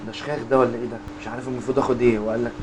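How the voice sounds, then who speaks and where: A young Egyptian man plays a horror game with joking commentary, swearing and acting scared. His voice sits at an average pitch. A faint hum hangs behind him. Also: level tone, very fast. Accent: Egyptian Arabic. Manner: jokey, swears, mock-scared reactions. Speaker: gaming YouTuber.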